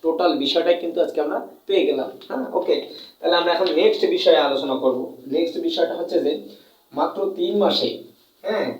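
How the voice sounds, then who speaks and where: A Bangladeshi man leads a Chinese class in Bengali, repeating points, answering his own questions, and elongating sounds to demonstrate tones. He speaks fast in a slightly high voice. The lo-fi recording is echoey, with the mic placed at a distance.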